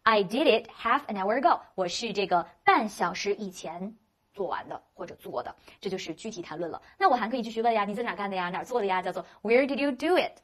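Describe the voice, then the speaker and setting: A woman teaching an English grammar lesson, explaining patiently, asking her listeners questions and repeating example sentences slowly. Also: mid-range voice. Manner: asks the class rhetorical questions.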